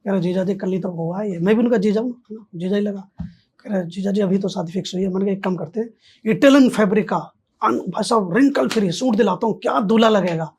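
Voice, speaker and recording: A man's voice: high-pitched, fast talker, darkish tone, slight background noise. A man, a podcast guest, telling a story in casual conversation and acting out both sides of the dialogue.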